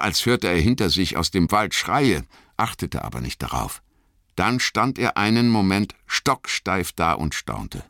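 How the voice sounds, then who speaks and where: A man reading an audiobook in a dramatic, expressive storytelling manner. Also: low voice, no echo, studio quality. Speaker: audiobook narrator. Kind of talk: scripted narration.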